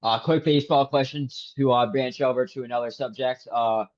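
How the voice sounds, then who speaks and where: A man's voice: medium pitch, fairly even intonation, brisk, dull audio. A man hosting a casual sports podcast, asking loose, stumbling questions and cursing. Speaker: podcast host.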